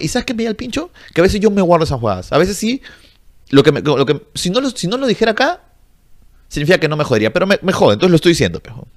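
A young man, ranting bluntly and profanely to camera in a casual vlog. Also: fairly high pitch. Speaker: vlogger.

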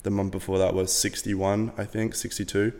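A man's voice: lowish voice, little pitch movement, normal speed, a little mellow, long reverb tail. A young man from Latvia, a podcast guest, chatting casually in a rambling way with lots of fillers and the odd swear word. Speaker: podcast guest, business owner.

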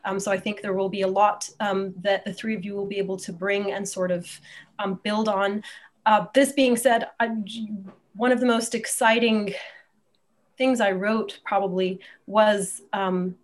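A woman's voice: mid-range voice, fairly even intonation, unhurried. Thoughtful Egyptian woman academic. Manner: thoughtful, hesitant with fillers. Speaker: guest academic. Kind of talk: interview answer.

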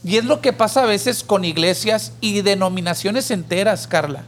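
A man's voice: sits high, normal speed. A man, co-hosting a church podcast and telling a parable in a conversational teaching style. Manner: animated storyteller who raises his voice for the pleading character. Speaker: podcast co-host.

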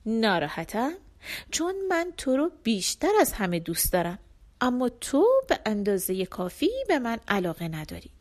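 A woman's voice: mid-range voice, sing-song. A woman playing a stern, hot-tempered king. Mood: sulking. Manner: stern, scolding.

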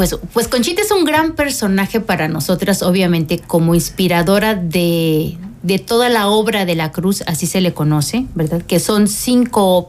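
A middle-aged religious sister speaks as a guest on a radio program, calm and unhurried. She explains at length and fills her pauses now and then. Her voice sits at an ordinary pitch for a woman. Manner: calm, explanatory, frequent fillers. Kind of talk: radio interview.

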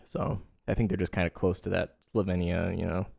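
A man's voice: low-pitched, fairly even intonation, a little fast, creaky, a little mellow, dry recording. A man co-hosting a casual podcast, rambling and laughing a lot. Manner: laughs often, rambling, playful. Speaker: podcast co-host. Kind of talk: casual chat.

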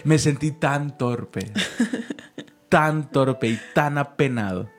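A man's voice: mid-range voice, drawn-out words, faint music behind. A man with a Mexican accent, a pastor co-hosting a podcast, who tells personal stories casually and drops English phrases in. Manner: storytelling with English phrases mixed in. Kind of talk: casual devotional podcast chat.

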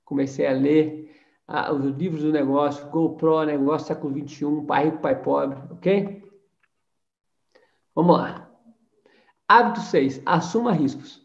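A man with a Brazilian Portuguese accent gives an energetic, preachy network marketing training talk and keeps adding tag questions. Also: a little high, a little slow, creaky, long pauses. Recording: roomy, dull lo-fi sound.

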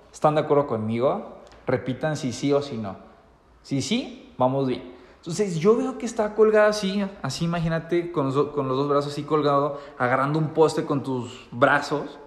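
A man with a Mexican accent telling a story to his viewers, animated, with many fillers and restarts. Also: fairly high pitch, reverberant, big-room sound. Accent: Mexican Spanish. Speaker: vlogger.

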